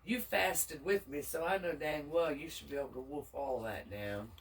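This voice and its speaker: A woman with a Southern US accent chatting casually with her husband while eating on camera, folksy and quick to laugh. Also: sits low, distant mic, rough recording. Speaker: vlogger, mukbang co-host.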